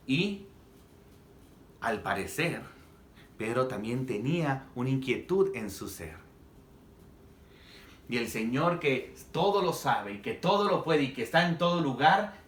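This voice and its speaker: A man's voice: a little high, a bit bright, reverberant. A man preaching a sermon as a pastor, telling the story dramatically and acting out the quoted dialogue.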